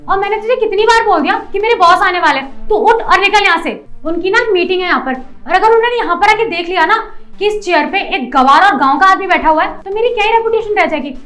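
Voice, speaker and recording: A woman's voice: very high-pitched, expressive, quick pace, fairly bright tone, soft background music. A woman playing a rude, haughty office manager in a short skit, talking down and scolding. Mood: scornful. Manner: scolding, bossy, condescending.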